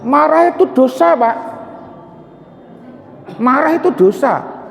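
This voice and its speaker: A man's voice: very high-pitched, animated, slow, creaky. A man with a Javanese accent teaching a mosque study session, talking conversationally, asking the congregation questions and mixing in Javanese and Arabic phrases. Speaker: religious teacher. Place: mosque hall. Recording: echoey hall with long reverb.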